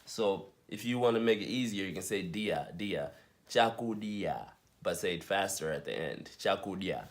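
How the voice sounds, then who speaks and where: A man with a fairly low voice gives a relaxed language lesson. He says each new word slowly, several times over, and spells some of them out letter by letter. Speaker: language teacher.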